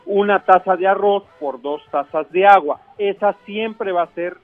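A man with a Mexican accent, a chef on radio, explaining and chatting casually in a halting way. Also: sits high, no room sound, narrow, tinny audio, faint music behind. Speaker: chef giving radio cooking tips.

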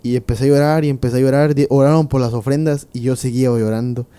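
A young man giving an earnest, casual conversion testimony, going softer and slower at emotional moments. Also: mid-range voice, fairly even intonation, clean tone. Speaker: interviewee sharing a conversion testimony.

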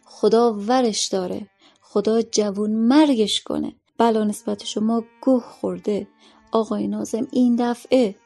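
A woman's voice: mid-range voice, fairly even intonation, vocal fry, warm tone, soft background music. A woman voicing a poor old grandmother who pleads tearfully and curses under her breath, in a story reading. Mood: pleading.

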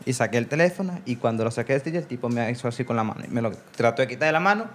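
A man's voice: mid-range voice, lively intonation, racing. A man with a Venezuelan accent, chatting casually as a podcast co-host and telling anecdotes. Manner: tells anecdotes, acts out quoted voices. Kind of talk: casual chat.

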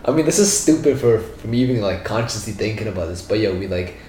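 A man in his 20s with a lowish, slightly mellow voice talks fast with lively intonation, rambling casually in slang and tossing out "yo" and "bro" constantly. Born in India, he grew up in Brampton, Canada, in a Punjabi-speaking family. The room echoes, and there's faint background noise.

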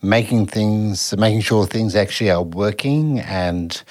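A man with an Australian accent, a seminary dean, speaking as a guest in measured, deliberate interview answers. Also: lowish voice, a little mellow.

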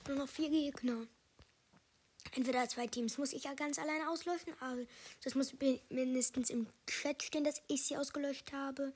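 A woman giving live gameplay commentary, excitable and loud in bursts, slipping in English gamer slang and dropping to quiet asides. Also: high-pitched, moderate pace. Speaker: gaming video host.

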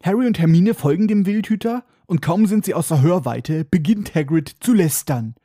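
A man's voice: sits high, normal speed, warm tone, dry recording, studio quality. A man hosting a casual book podcast, recapping chapters with sarcastic, irreverent asides. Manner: sarcastic, irreverent, mock-dramatic. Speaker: podcast host.

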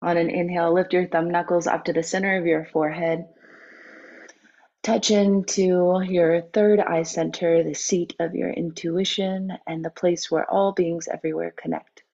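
Woman, yoga teacher, slow soothing guidance, slightly low pitch, lo-fi sound. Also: flat delivery, vocal fry. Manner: slow, soothing, gentle instructions. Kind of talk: guided yoga cool-down. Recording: dull lo-fi with faint music. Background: soft background music.

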